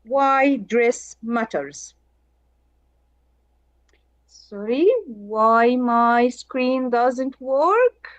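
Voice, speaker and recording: A woman from Egypt, presenting over a video call and reading a prepared conference paper slowly and carefully. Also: on the high side, dry recording. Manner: slow, careful, measured delivery. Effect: heard over a video call. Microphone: remote computer mic on a video call. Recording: dull, dry video call audio.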